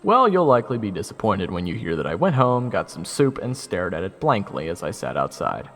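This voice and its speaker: Playing a sarcastic, tired young soldier who recounts his story in a casual, exasperated first person, a man performs narration and dialogue for an audio drama. His low voice is fairly bright, brisk and very animated, a full character voice over soft background music.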